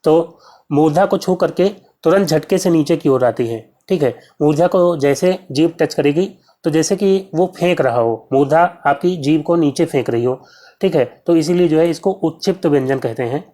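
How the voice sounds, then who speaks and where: A man teaching an exam-prep grammar lesson. He explains step by step, asks a question and answers it himself, and says each sound slowly to show how it is pronounced. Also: fairly high pitch, mellow.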